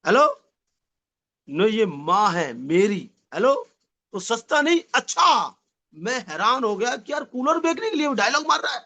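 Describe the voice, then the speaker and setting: A man giving a lively motivational sales seminar, repeating phrases and calling the audience his dear friends, with a slight touch. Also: very high voice. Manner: animated, repetitive, addresses audience as "my dear friend". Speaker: network marketing trainer.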